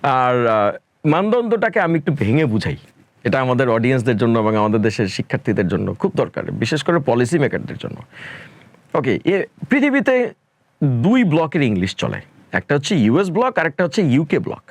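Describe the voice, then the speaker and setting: A man's voice: medium pitch, big pitch swings, moderate pace, no echo. A man from Bangladesh answering interview questions as a spoken English educator, talking emphatically and dropping English phrases into his speech.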